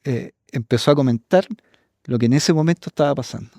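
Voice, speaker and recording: A middle-aged man, telling a ghost story as a podcast guest in a halting, casual way, with many fillers and voices for the people in it, recorded on a phone on a cold outdoor patio. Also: mid-range voice, warm tone, no echo, studio quality.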